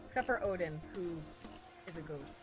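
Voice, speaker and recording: A woman playing in a tabletop game, quick and excitable. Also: fairly low pitch, breathy edge, faint music behind. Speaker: player.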